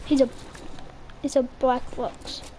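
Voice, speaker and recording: A high-pitched female gamer with a Southern US accent talks slowly over her gameplay. She rambles and repeats the same silly words again and again, with faint room noise behind her. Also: little pitch movement, warm tone. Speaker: gaming channel host. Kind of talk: casual gameplay commentary.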